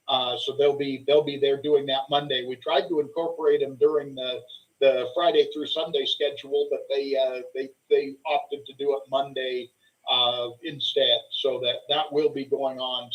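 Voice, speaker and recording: A man explaining logistics in an informal meeting, speaking in a halting, hesitant way. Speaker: fair board meeting participant, organizer. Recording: muffled, low-fidelity meeting audio.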